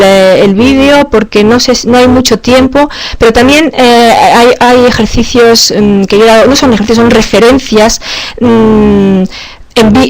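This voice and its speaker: A woman teacher giving a conference talk on pronunciation teaching, speaking hesitantly with many fillers and restarts. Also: fairly high pitch. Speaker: language teacher presenting.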